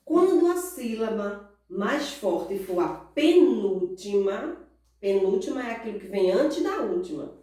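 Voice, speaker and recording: A woman with a Brazilian Portuguese accent teaching a recorded class, slow and patient, stretching out stressed syllables and asking the pupils questions. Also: mid-range voice, sing-song, dark tone. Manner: asks pupils questions and answers in their voice. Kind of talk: recorded remote class lesson. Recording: roomy echo, far from mic.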